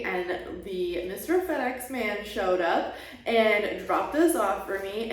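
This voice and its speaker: A woman hosting a casual unboxing vlog, gushing and excitable, recorded in a bare, half-furnished room with heavy echo. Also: mid-range voice, recorded from a distance. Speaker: channel host.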